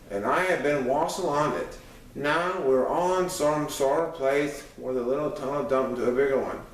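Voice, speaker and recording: A man with a mid-range voice reads a first-person story aloud as audiobook narration. There is slight background noise, the room echoes, and the microphone is far from him.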